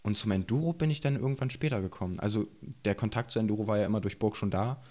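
Speaking quickly in a fairly low, slightly mellow voice, a twenty-something man from Saxony-Anhalt in eastern Germany chats casually as a podcast guest. He's an enduro rider who rambles, laughs frequently and leans on slang.

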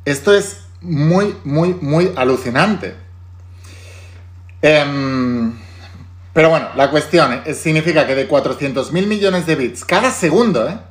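Man, Spain Spanish accent, self-help teacher talking to camera, pitched a bit high, emphatic and repetitive. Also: measured pace. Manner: emphatic, repeats key phrases. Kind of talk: direct-to-viewer talk.

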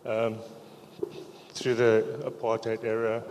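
A middle-aged man sharing his testimony in church, speaking quietly with halting pauses and restarts. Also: fairly low pitch, monotone, slight background noise. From South Africa. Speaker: church member giving testimony. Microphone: handheld microphone. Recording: echoey church hall.

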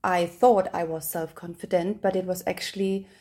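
A woman's voice: on the low side, steady tone, moderate pace, darkish tone. Earnest woman hosting a podcast. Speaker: podcast host. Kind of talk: casual conversational interview.

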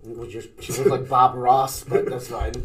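A man's voice: medium pitch, flat delivery, unhurried, fairly bright tone, soft background music. A man co-hosting a casual sports podcast, brash and foul-mouthed, mocking the others. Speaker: podcast co-host.

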